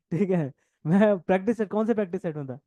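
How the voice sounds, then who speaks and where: A man teaching a coaching class, dictating notes and repeating phrases, talking fast and joking with students now and then. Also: sits high, dark tone, no echo. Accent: north Indian Hindi. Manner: jokes with students, laughs often.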